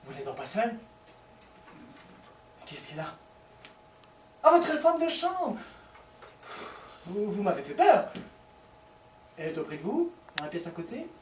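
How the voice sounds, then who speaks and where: A man's voice: sits high, wildly swooping pitch, measured pace, long pauses, a little hiss or hum, heavily acted. A male stage actor playing a lovesick man who pleads with his lover over the phone, talking theatrically and stammering in a live comedy performance. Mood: pleading. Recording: echoey stage recording from far off.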